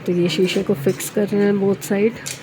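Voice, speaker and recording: A woman chatting casually to her camera while her home is renovated, speaking quietly with the camera held close. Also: mid-range voice, level tone, a little slow, background noise. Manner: chatty, talks softly near the camera. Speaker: home vlogger. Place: home under renovation, indoors. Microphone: handheld camera held close.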